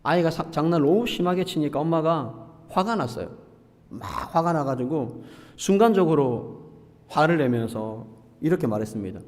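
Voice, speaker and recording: A male pastor preaches from the pulpit with a fairly high voice that swings widely in pitch. He keeps turning to the congregation with questions. The sound rings with a long church-hall reverb. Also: normal speed. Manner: lively, asks the congregation questions and acts out quoted insults. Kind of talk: sermon. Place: church sanctuary.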